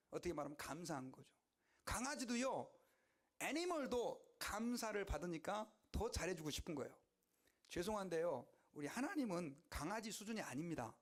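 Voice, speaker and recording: A male pastor preaching a sermon, telling stories animatedly and calling out to his congregation. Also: high-pitched. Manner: animated, exclamatory storytelling to the congregation.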